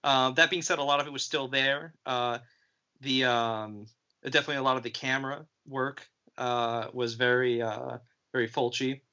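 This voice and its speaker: A man on a casual movie podcast, hesitant and full of ums as he works through his thoughts. His voice is bright and forward, and the audio sounds dull and lo-fi. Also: medium pitch, fairly even intonation, moderate pace, clean tone. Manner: hesitant, many ums and restarts. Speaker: podcast co-host. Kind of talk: casual film review chat.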